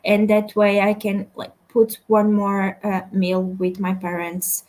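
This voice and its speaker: A woman's voice: mid-range voice, completely flat delivery, takes it slowly, a little mellow, low-quality recording. A young woman from Portugal hosting a casual livestream, chatting and reading viewer comments aloud with many fillers. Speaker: livestream host. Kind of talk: casual chat while reading chat messages.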